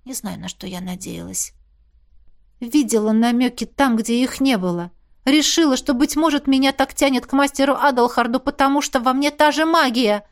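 A woman narrating a fantasy novel in the first person. She reads expressively and lets the emotion of the story come through. Her voice sits a little on the high side. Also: a little fast. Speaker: audiobook narrator.

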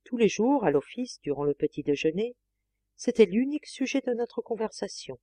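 A woman reading a first-person novel aloud as an audiobook, in a measured, expressive way. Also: fairly high pitch, no echo. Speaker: audiobook reader.

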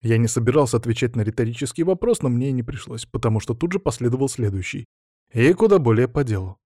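A man's voice: medium pitch, lively intonation, quick pace, warm tone, no echo, clean studio sound. A man narrating a first-person audiobook in a wry storytelling manner.

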